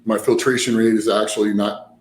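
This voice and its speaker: Low-voiced man, rambling, in a roomy space. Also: flat delivery, a little fast. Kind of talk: casual conversational storytelling. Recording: roomy echo, background noise.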